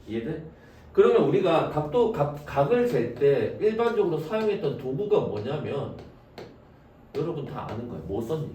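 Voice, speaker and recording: Lively man teaching math in an echoey room. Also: fairly high pitch. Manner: asks students questions and answers them himself; casual speech to students. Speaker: high school math teacher. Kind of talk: classroom lecture. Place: classroom. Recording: echoey room, distant mic, faint noise.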